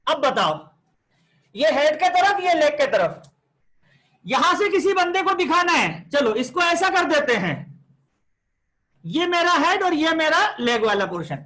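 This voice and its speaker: A man's voice: extremely high pitch, very animated, a little slow, pauses often, bright, forceful tone. A man teaching a chemistry class online, chatty and coaxing, scolding students by name and mixing English terms into his talk.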